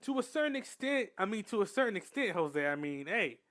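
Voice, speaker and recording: Hosting a reaction video, a young man chats away briskly and very animatedly in a high, fairly bright voice. He frequently starts his sentences over and says "bro" again and again.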